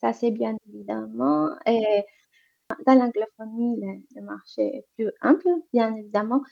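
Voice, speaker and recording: A creaky, rather high female voice moves at a measured pace with fairly flat intonation. The interview guest, who represents economic development, discusses women's entrepreneurship haltingly, repeatedly using fillers and starting over. Muffled, lo-fi recording.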